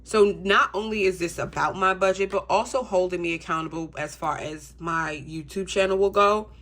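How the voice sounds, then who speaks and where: Speaking at a normal pace with a fairly low pitch, the young woman addresses her audience in a budgeting vlog. Her voice is congested, her manner laid-back and talkative, with lots of ums.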